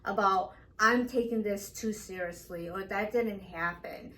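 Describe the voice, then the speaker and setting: A woman's voice: mid-range voice, unhurried, fairly bright tone. A woman guest therapist speaking in an earnest way in casual talk, repeating points for emphasis. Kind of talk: casual conversation. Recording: distant mic, faint noise.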